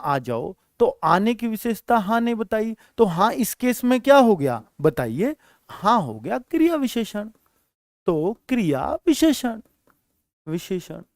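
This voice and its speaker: Lively high-voiced grammar teacher. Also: male voice, no echo, studio quality. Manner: addresses students as children, asks checking questions. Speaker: Hindi teacher. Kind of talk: exam-prep grammar lesson.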